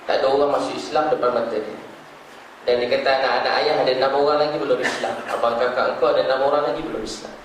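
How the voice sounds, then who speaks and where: A man's voice: medium pitch, steady tone, rapid-fire, slight background noise. A man with a Malaysian Malay accent preaching a sermon as a storyteller, repeating phrases for emphasis, recorded in a large hall. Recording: echoey hall, speaker far from mic.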